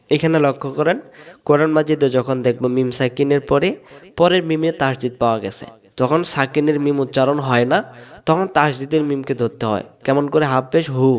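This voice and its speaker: Male online Quran teacher, Bangladeshi Bengali accent, mid-pitched and clear, patient, repetitive drilling. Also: a little mellow. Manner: patient, drills rules by repeating them, asks and answers own questions. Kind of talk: step-by-step online lesson.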